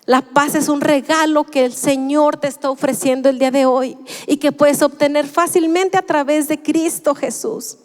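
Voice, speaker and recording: A woman, preaching a sermon in an earnest, measured way and slowing down for emphasis. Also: high-pitched, fairly even intonation, in a large hall. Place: church.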